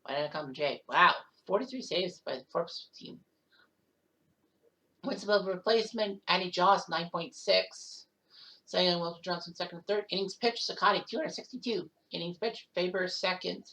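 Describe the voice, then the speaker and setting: A woman hosting a casual recap of a simulated baseball season, reading off league leaders with quick asides and self-corrections. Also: fairly low pitch, gravelly, fairly bright tone, rough recording. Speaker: host. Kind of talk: casual game stats recap.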